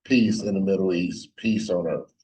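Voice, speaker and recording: A man chairing a club meeting who speaks haltingly and uses fillers. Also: sits low, a little mellow. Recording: distant, dull lo-fi room recording.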